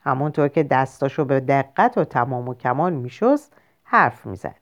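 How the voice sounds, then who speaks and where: A woman narrating a short story in a measured, expressive audiobook reading. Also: rumbling low. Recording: lo-fi muffled recording.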